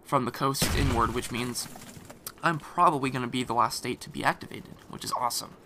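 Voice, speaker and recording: Amid loud gunfire and explosions in the game audio, a commentator with a scratchy, irritated throat rambles casually, filling gaps and restarting frequently. His voice sits at medium pitch and moves fairly quickly.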